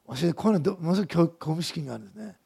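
A man preaching with a husky, breathy voice that sits high for a man. He tells the scene like a lively story, turning to the congregation with questions. There is a gravelly fry in his tone. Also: very fast. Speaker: pastor. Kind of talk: sermon.

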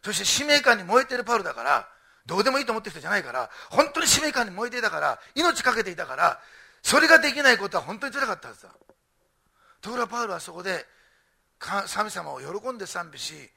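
A man preaching a sermon, animated, swinging from loud emphatic repetition to soft asides. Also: high-pitched, fast talker, vocal fry, breathy edge. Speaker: pastor.

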